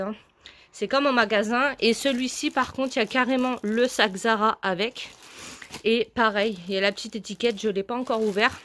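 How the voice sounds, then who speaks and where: Young woman vlogger, slightly high voice, casual and chatty, a bit out of breath, plenty of fillers. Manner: chatty, many fillers, shows items to camera. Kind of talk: casual haul video chat.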